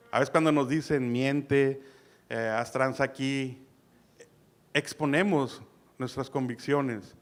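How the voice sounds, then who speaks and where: A young man preaching a sermon, animated, switching between loud emphasis and soft asides. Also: on the high side.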